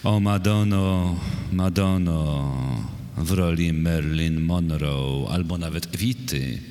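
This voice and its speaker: A man giving a poetry reading in slow, measured recitation, with dry asides to the audience. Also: low-pitched, fairly even intonation, warm tone. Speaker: poet reading his poems. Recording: echoey hall with long reverb.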